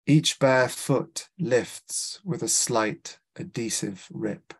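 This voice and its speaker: With a mid-range voice that's creaky and husky, a poet from Liverpool reads his poems in a Scouse accent at a literary festival. His reading is measured and deliberate, and his spoken introductions between poems carry a few hesitant fillers.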